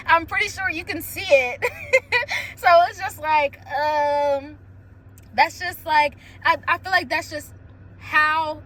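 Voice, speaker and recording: A young woman hosting a casual solo chat, telling stories candidly with lots of "like" and quick laughs. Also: sits high, a little hiss or hum, poor audio. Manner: candid, animated storytelling with frequent "like" and laughs. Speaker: podcast host.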